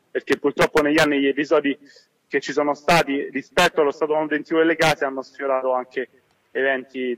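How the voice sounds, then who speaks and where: A man's voice coming through a speakerphone call, pitched a little above the usual for a man. He explains things at a steady, measured pace, sometimes backing up and restarting his sentences as he addresses an audience by phone. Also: low-quality recording. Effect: heard over a phone on speakerphone. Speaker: community organizer speaking as a remote guest. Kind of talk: public talk to a crowd by phone.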